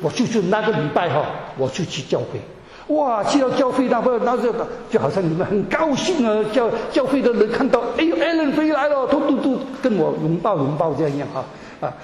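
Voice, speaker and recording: A man's voice: high-pitched, very animated, a little fast, a little mellow, a little hiss or hum. A man giving an emotional personal testimony to a congregation, often stammering and repeating words and dropping in English words. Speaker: church member giving a testimony. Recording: echoey hall with long reverb.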